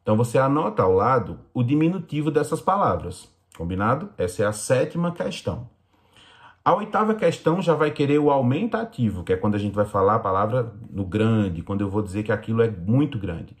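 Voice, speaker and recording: A man teaching young children in Brazilian Portuguese, explaining slowly and patiently in a recorded lesson. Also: medium pitch, sing-song. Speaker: primary school teacher.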